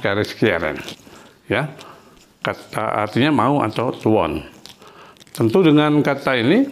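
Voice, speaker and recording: Patient male language teacher, slow repetition. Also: mid-range voice, a little hiss or hum. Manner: patient, repeats words and conjugations slowly. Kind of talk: slow, explanatory language lesson.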